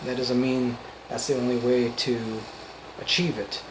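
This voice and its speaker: A man giving an off-the-cuff motivational monologue, earnest and emphatic, in halting phrases that repeat for emphasis. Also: medium pitch, little pitch movement, noisy background. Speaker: amateur motivational speaker.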